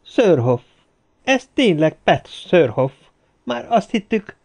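A man's voice: high-pitched, sing-song, vocal fry, darkish tone, pitched above the performer's own voice, exaggerated voice. A man voicing a nervous, jittery man. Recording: slightly dull lo-fi audio.

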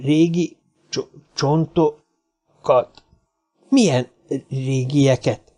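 A man's voice: lively intonation, gravelly, darkish tone. A man doing a cheeky little stammering man. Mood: frightened. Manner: stammering when scared, high and quick. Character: small nervous cigar-smoking man, cheeky.

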